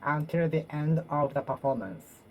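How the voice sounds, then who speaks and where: Practicing English on her own, a woman with a Japanese accent and a deep, animated voice talks to herself, repeating phrases many times and pausing to rework and correct them. The recording is rough, with a little hiss or hum.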